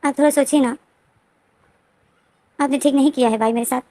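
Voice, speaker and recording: A desperate, hurt teenage boy, played by a woman narrator pleads and asks pained questions. He sits a little high in pitch and talks in a plain spoken storybook retelling. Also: fairly even intonation, brisk, dark tone, lightly acted. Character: tearful sixteen-year-old boy, desperate and hurt.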